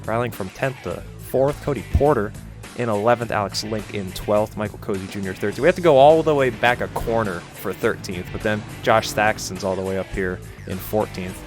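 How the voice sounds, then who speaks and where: A man calls a live-streamed sim race, excitable and prone to stumbling over his words. He is still coughing from a cold. Faint music plays behind him. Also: lowish voice, fairly quick. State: coughing a lot. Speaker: sim racing commentator.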